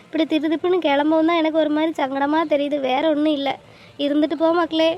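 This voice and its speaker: A woman voicing a worried, tearful older village mother in an animated family drama, speaking. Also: sits high, quick pace, highs cut off, natural voice. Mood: anxious pleading. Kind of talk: cartoon voice acting. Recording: faint ambient noise.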